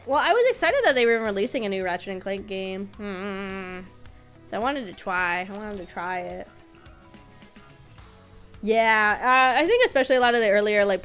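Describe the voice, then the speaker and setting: A woman's voice: mid-range voice, a bit bright. A woman game streamer chatting casually and playfully, with a cute, bubbly anime-streamer delivery. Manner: playful, chatty, repeats words. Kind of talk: casual livestream chat.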